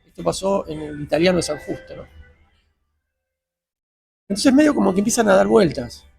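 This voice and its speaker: Gravelly high-voiced Argentine man. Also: expressive, normal speed, a little mellow, faint music behind. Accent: Argentine Spanish. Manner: retells dialogue in quoted voices, tense. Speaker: interviewee, father. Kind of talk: emotional personal account.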